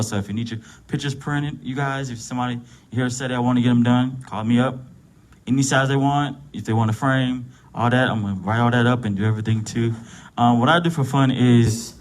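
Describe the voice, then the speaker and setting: A man in his thirties, a guest on a talk show, speaks in a relaxed, easygoing way and pauses often with "um" as he talks. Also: medium pitch. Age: 30s. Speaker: guest, photographer and barber. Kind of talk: casual talk show chat.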